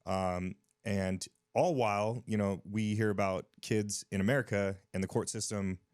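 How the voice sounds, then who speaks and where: A man's voice: fairly low pitch, steady tone, normal speed, darkish tone, clean tone, no room sound, clean studio sound. A man hosting a casual podcast interview, talking in a laid-back, slangy way. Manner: laid-back, slangy, says dude and bro. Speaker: podcast host.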